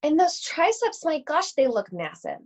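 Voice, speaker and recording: A woman's voice: high-pitched, huge pitch swings, normal speed, pitched above the performer's own voice, exaggerated voice. A woman voicing a plucky, suspicious little girl in a storybook, exclaiming in an incredulous way. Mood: suspicious, amazed. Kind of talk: storybook character voice. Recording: dull, lo-fi sound.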